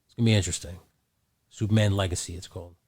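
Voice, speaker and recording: A man's voice: low voice, fairly even intonation, rapid-fire, darkish tone. A man co-hosting a podcast, chatting loosely with plenty of swearing and restarts. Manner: loose and profane, with frequent restarts. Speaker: podcast co-host. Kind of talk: casual chat.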